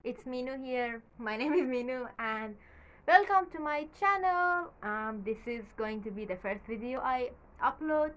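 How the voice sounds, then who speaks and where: In a small bedroom, a young woman talks casually about films for her YouTube channel, filmed by a camera at desk distance with slight background noise. Farsi is her first language, and her high voice is lively and fairly bright, moving at an unhurried pace. She rambles, fills gaps with fillers, and has a slightly nervous edge.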